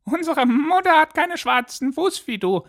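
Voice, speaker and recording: Squeaky little goat kids. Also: male voice, sing-song, a little slow, a bit bright, full character voice. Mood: defiant. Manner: high squeaky falsetto.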